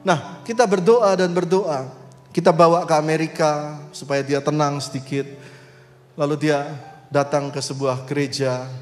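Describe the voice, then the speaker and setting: A male pastor preaching a sermon, voice surging high and loud on key phrases as he leads the congregation through scripture. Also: in a large hall. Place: church sanctuary.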